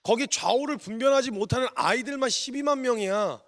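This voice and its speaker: A man voicing God, who patiently reasons with a sulking prophet in slow, emphatic sentences that swell in volume. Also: very high voice, voice pushed up. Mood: reasoning, earnest. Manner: slow, emphatic, rising and louder.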